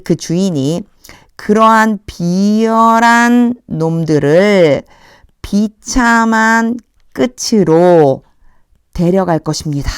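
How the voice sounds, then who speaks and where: A woman leads an English Bible lesson, reading each phrase slowly and then explaining it in a friendly, chatty way. Her voice sits a little low, and the recording is dry and close. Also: dark tone, no echo. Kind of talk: Bible verse translation lesson.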